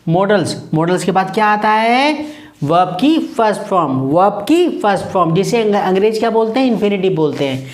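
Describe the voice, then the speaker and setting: A man's voice: high-pitched, sing-song, moderate pace. Patient male English teacher in an echoey room. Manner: patient, repeats key words, quizzes students. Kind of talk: online English lesson.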